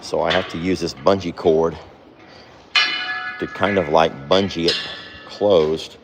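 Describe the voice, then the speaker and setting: A man's voice: deep voice, fairly even intonation, unhurried, very noisy. A man chatting casually on his farm vlog as he does barn chores. He coos at the animals and scolds them in a sharply raised voice. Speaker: farm vlogger.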